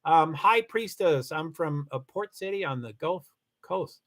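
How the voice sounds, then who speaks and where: Talking at an unhurried pace, this livestream host from Kentucky has a slightly high, bright voice with lively intonation. He chats casually with viewers and reads their comments, wandering off topic and frequently correcting himself.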